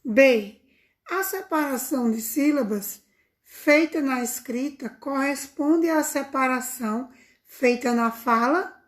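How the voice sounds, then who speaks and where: A woman's voice: high-pitched, takes it slowly. A woman teaching young children a remote lesson, speaking in a sing-song, affectionate teacher manner, recorded on a phone. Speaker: primary school teacher.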